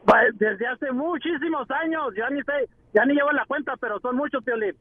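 Trucker guy calling in, real high voice, radio call with crowd noise behind. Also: moderate pace, phone-quality sound. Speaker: caller, trucker. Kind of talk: joking call-in chat.

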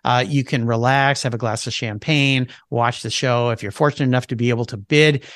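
A man's voice: medium pitch, steady tone, brisk, a bit bright, no echo, studio quality. A man talking casually and with enthusiasm in a radio interview, using plenty of fillers. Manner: chatty and enthusiastic, with many fillers. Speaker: car show host and guest expert.

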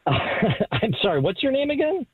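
A man's voice: very high voice, big pitch swings, takes it slowly, breathy edge, no room sound. Stammering man heard over the phone. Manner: hesitant, stammering and confused. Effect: heard over a phone line. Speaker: target of a prank call. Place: at his office. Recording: tinny phone line.

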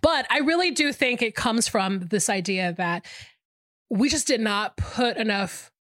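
A woman's voice: on the high side, lively intonation, a little slow, a bit bright, no echo, studio quality. A woman co-hosting a film podcast, chatting informally and checking in with the listener. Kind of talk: casual conversational film discussion.

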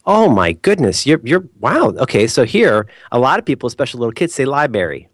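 A man's voice: mid-range voice, sing-song, brisk, no echo, clean studio sound. A man from the American Midwest with a Midwestern accent, co-hosting a casual comedic chat, teasing with mock-serious asides.

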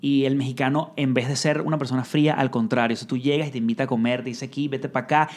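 Fast-talking Venezuelan man telling a story. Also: mid-range voice. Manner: animated storytelling with frequent swearing. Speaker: singer guest. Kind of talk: casual podcast chat.

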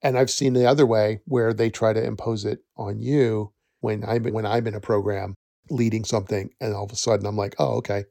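Man, podcast host, casual rambling advice, gravelly, dry close recording. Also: on the low side, fairly even intonation, fairly quick, mellow, no room sound. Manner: rambling, conversational, laughs often, self-corrects. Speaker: nature program director, podcast host.

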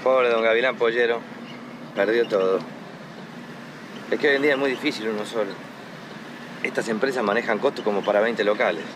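An actor playing a fast-talking Argentine son with a hustler's patter, quick and exasperated. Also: male voice, lowish voice, fairly even intonation, close to an everyday voice. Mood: ranting. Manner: rapid, wheeling-dealing, exasperated. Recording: film scene with road noise.

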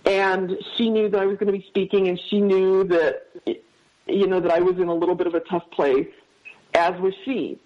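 Guy with a pretty high voice, earnest halting storytelling, kinda dull lo-fi audio. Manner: heartfelt, halting, many restarts. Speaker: podcast guest. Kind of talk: personal storytelling. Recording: dull lo-fi sound.

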